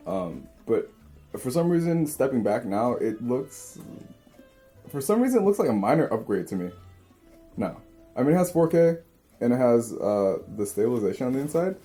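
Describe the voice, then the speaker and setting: A young man co-hosting a casual chat about cameras, talking in a rambling, halting way with crude asides. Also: medium pitch, big pitch swings, warm tone, soft background music. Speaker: co-host.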